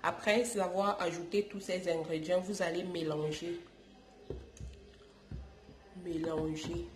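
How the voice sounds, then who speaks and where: In an echoey room at home, a YouTube host whose voice is stuffed up from a cold slowly demonstrates a home remedy. Her lowish voice stays steady, she lovingly calls viewers "darlings," and she often repeats herself or restarts phrases.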